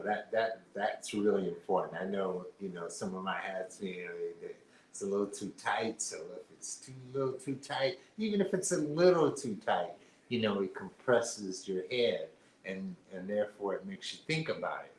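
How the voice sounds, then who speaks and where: A man's voice: low-pitched, moderate pace, echoey room, a little hiss or hum, rough recording. A man co-hosting a casual live stream chat, rambling with lots of fillers and restarts. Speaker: co-host.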